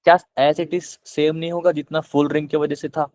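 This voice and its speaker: A man with a Punjabi accent teaching physics in a live online class, explaining slowly and repeating questions to his students. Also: a little high, little pitch movement, darkish tone, no echo, rough recording. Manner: coaxing, repeats questions to students, calls them beta; slow, deliberate explanation.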